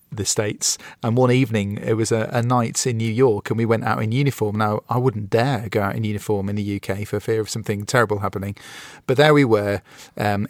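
A man's voice: fairly low pitch, dry recording, studio quality. A British man hosting a podcast interview, chatty and laughing easily, often restarting his sentences. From Britain. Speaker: podcast host. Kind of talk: casual interview chat.

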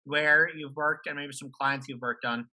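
A man's voice: medium pitch, steady tone, normal speed, sharp tone, poor audio. A man hosting an interview series, upbeat and friendly as he introduces and questions his guest. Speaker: host. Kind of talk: casual interview.

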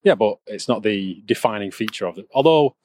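A man's voice: on the low side, animated, fairly quick, a little mellow. A man chatting casually on an outdoor walk, rambling and stumbling over his words with frequent laughter. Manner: rambling, stammers and repeats himself, laughs often. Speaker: co-host.

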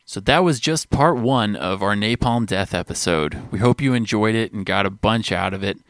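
A man's voice: on the low side, moderate pace, vocal fry, a bit bright, no room sound, studio quality. A man co-hosting a music podcast, chatting casually with amused enthusiasm and frequent fillers. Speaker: podcast co-host. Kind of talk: casual chat.

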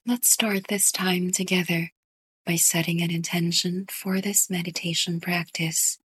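A woman guiding a sleep meditation in a soft, breathy whisper. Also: lowish voice, no echo, low-quality recording. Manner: slow, soft whispered delivery. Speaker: meditation guide.

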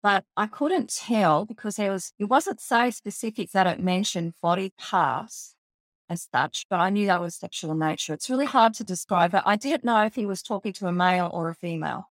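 A woman's voice: mid-range voice, moderate pace, no room sound. An Australian woman telling a personal story in an interview, candid and emotional, swearing freely. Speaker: guest.

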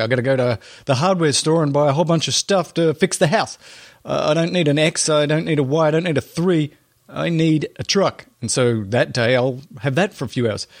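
A man hosting a podcast, giving casual, chatty news commentary with playful showman flourishes and joking, colloquial asides. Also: fairly high pitch. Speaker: podcast host.

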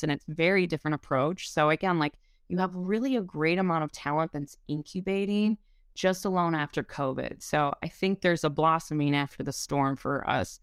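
A woman's voice: low-pitched, clear, resonant tone, dry recording, studio quality. A woman who is a restaurant wine director, answering an interview question in a rambling way with many fillers and restarts.

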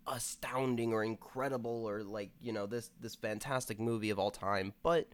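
A man chatting casually about a movie, emphatic and animated, with lots of filler words. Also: lowish voice, moderate pace. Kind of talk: casual chat about a film.

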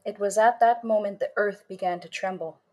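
A woman author and storyteller reading a first-person story in a measured way, lingering on images. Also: mid-range voice, lo-fi sound.

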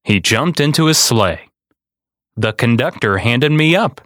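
A man reading a children's picture book aloud in a deliberate, dramatic storytelling style. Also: medium pitch, animated, fairly bright tone, no room sound, studio quality. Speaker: storyteller and podcast host.

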